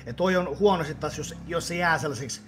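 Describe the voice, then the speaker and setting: A man, his voice sitting a little high for a man. He talks bluntly in a casual podcast chat, swears freely and acts out loud quotes. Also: a little hiss or hum. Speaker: podcast host.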